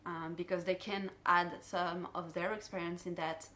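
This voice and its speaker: A French-accented woman, a dive guide and instructor, briefs divers on safety, speaking to them directly and explaining each point in non-native English phrasing. Her voice sits on the low side with little pitch movement, and she talks at a moderate pace in a bright, forceful tone.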